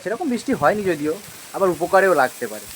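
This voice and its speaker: A young man from West Bengal talks fast in a high, sing-song voice with a little hiss or hum. He's filming a casual village vlog on a handheld phone at a rainy home, partly outdoors, chatting and coaxing his little daughter.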